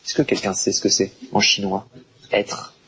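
A man teaching a French lesson to Chinese speakers, patient and repetitive, slowing down to stress words. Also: lowish voice, flat delivery, sharp tone, a little hiss or hum. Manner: patient, repetitive, slow and emphatic.

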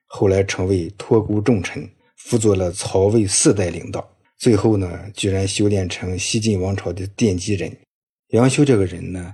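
Husky low-voiced male lecturer. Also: a little mellow. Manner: storytelling tone, pads phrases with filler particles. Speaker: writing instructor. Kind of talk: scripted audio lecture.

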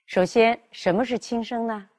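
A woman teaching a pronunciation class, explaining and demonstrating tones in a clear, measured way. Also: on the high side, steady tone, a little mellow. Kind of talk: classroom lesson.

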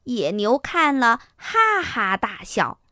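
A woman narrating a children's story in an expressive, sing-song manner. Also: on the high side, slow pace, dry recording, shouting, studio quality.

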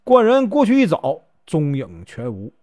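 A man telling a folk tale in a lively, chatty way, with drawn-out fillers. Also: a little high. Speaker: storyteller. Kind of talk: folk storytelling narration.

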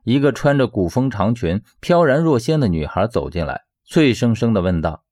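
A man's voice: fairly low pitch, sing-song, moderate pace, a little mellow. A man reading a novel aloud as narrator, telling the story expressively. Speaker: audiobook narrator. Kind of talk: scripted narration.

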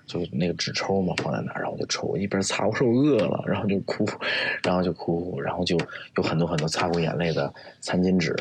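A man, an actor guest, telling a personal story in a halting way, often repeating words. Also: deep voice, a little hiss or hum.

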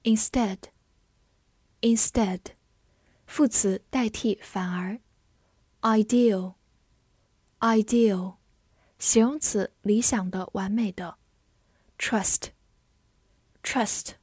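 A woman teaching English vocabulary in a clear, patient way, spelling words out and reading example sentences slowly. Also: medium pitch, mellow, no room sound, clean studio sound. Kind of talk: vocabulary lesson.

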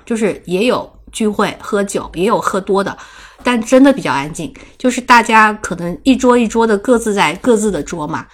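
Young woman co-host, casual storyteller, laughs often, mid-pitched voice. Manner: lively, laughs often while telling a story. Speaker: podcast co-host.

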